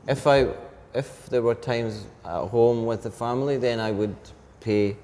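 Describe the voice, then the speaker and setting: Speaking slowly and clearly on purpose, a Scottish head of an English department in his fifties chats as a guest in a casual interview. His voice is medium in pitch and a little mellow. Long reverb and faint background noise fill the recording.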